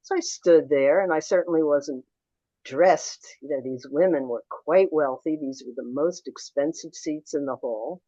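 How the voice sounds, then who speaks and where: A woman's voice: low-pitched, moderate pace, mellow, no room sound, lo-fi sound. An older woman from suburban Philadelphia, a guest telling reflective stories in an interview. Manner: reflective, anecdotal, with restarts and quoted dialogue. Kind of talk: storytelling interview answers.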